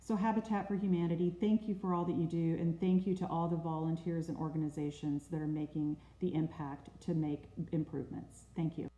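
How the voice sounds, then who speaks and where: A woman's voice: low-pitched, steady tone, a little fast, few pauses, mellow, echoey room, rough recording. Woman giving polished sponsor remarks. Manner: polished, scripted. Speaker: corporate sponsor representative. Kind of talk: prepared remarks.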